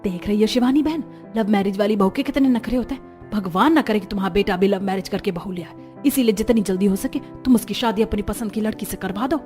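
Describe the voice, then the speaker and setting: A woman's voice: mid-range voice, brisk, dark tone, soft background music, close to an everyday voice. A woman voicing a bitter middle-aged mother-in-law who complains, in a cartoon story. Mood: complaining. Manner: complaining and grumbling.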